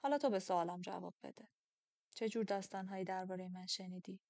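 A woman reading an audiobook, voicing an ancient, powerful man who looks young and speaks quietly and tersely. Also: steady tone, no room sound, close to an everyday voice. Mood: curt. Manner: quiet, low-key and terse. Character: centuries-old powerful man looking young, calm and guarded.

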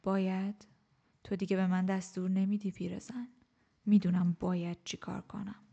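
A woman reading an audiobook, voicing a cold, commanding man who speaks curtly and slowly. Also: flat delivery, dark tone, lo-fi sound, close to an everyday voice. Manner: slow, low-keyed, curt. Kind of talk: audiobook character voice.

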